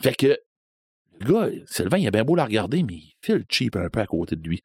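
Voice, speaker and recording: A man's voice: on the low side, brisk, husky, no echo. Québécois man telling a spooky story. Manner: lively, animated, conversational with fillers.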